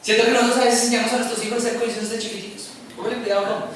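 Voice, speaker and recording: A man's voice: extremely high pitch, level tone, very fast, fairly bright tone, a little hiss or hum. A man preaching a sermon, telling stories, acting out scenes and asking the audience questions. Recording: echoey room, speaker far from mic.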